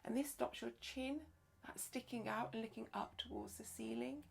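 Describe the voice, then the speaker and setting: A woman leading a live-streamed yoga nidra session as teacher and therapist, speaking softly and slowly, often dropping into a whisper. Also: a little high, gravelly, husky. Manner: soft, slow, often whispered delivery. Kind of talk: live-streamed guided relaxation instruction.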